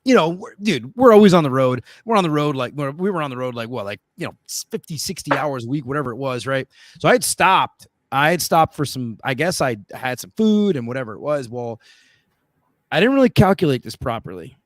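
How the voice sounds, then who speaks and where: A man's voice: mid-range voice, fairly quick, no echo, clean studio sound. A man telling an embarrassing story in casual chat, full of fillers, restarts and acted-out voices. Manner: animated, acts out voices, many fillers and restarts. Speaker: podcast guest telling a story.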